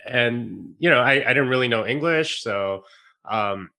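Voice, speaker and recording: Bright-voiced man, rambling interview guest. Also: mid-range voice, expressive, unhurried. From South Korea. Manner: rambling, many fillers and restarts, laughs often. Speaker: podcast guest. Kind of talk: casual interview chat.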